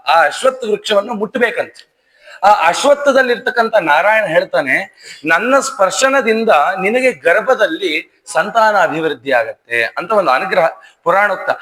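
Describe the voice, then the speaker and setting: High-voiced, bright male preacher. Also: low-quality recording. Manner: animated, conversational retelling. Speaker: religious discourse speaker. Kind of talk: devotional storytelling sermon.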